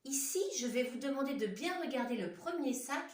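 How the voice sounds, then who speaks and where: A woman teaching young children a phonics lesson, speaking slowly and clearly and sounding out words syllable by syllable. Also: high-pitched, expressive, distant mic. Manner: slow, clearly articulated, repeats words syllable by syllable; talks directly to children, asking questions. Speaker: primary school teacher. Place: classroom or home room with a whiteboard. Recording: echoey room, voice from afar.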